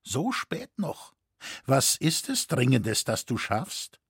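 A man voicing a gentle old woodcarver in a storybook reading, speaking raised and a little trembling. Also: medium pitch, sing-song, slow pace, gravelly, slightly rough, no echo, studio quality, heavily acted. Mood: tender.

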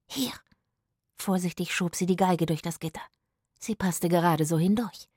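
Erzählerin einer Kinderhörgeschichte. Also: female voice, lowish voice, normal speed, husky, no echo, clean studio sound. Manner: calm, storytelling. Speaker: narrator. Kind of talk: children's audiobook narration.

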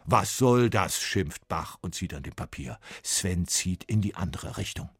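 A man narrating a scripted story in a calm, measured reading voice. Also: low-pitched, husky, no room sound, clean studio sound.

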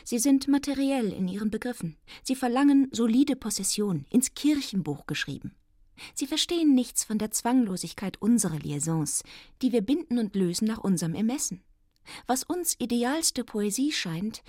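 A woman's voice: on the high side, animated, normal speed, darkish tone, no echo, clean studio sound. Woman reading with ironic theatrical flair. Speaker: reader. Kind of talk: literary reading, first-person narration.

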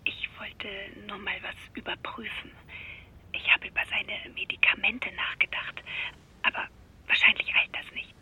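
A middle-aged actress playing an anxious mother who speaks hushed and hesitant on a phone call, in a radio drama. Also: fairly high pitch, level tone, normal speed, a little hiss or hum. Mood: whispering.

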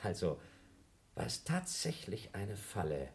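An actor in a radio play playing a paranoid scientist who coldly accuses his crewmate and then rises to shouts. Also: deep voice, sing-song, measured pace, vocal fry, exaggerated voice. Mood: cold accusing. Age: younger than Mills. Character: Blob, paranoid scientist man feuding with crewmate. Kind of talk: German radio play acting.

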